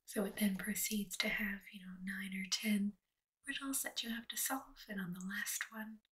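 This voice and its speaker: A woman doing a soft-spoken ASMR unboxing at home, mostly whispering in a chatty, relaxed way. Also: mid-range voice, normal speed, distant mic, a little hiss or hum. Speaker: ASMR creator.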